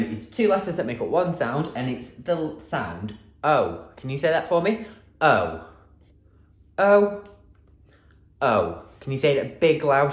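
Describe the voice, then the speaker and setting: A man teaching a phonics lesson to young children, in a sing-song, encouraging way with drawn-out, exaggerated sounds. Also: medium pitch, echoey room. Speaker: primary school teacher.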